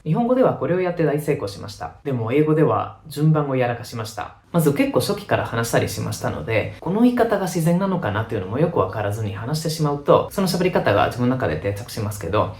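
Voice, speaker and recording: A man who learned Japanese as an adult narrates a vlog quickly and casually, his pitch bouncing up and down as he explains. The sound carries a roomy echo. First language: not Japanese. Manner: lively, chatty, quick explanations. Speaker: vlogger.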